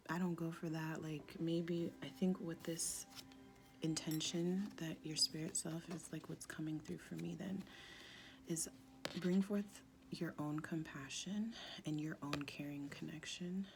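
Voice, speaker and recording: Female tarot reader, sultry and husky smoker's tone, heavy vocal fry, soft-spoken, informal, halting delivery. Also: low voice, fairly even intonation, background noise. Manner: halting, informal, with pauses and frequent "like". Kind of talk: casual spiritual tarot reading, soft-spoken.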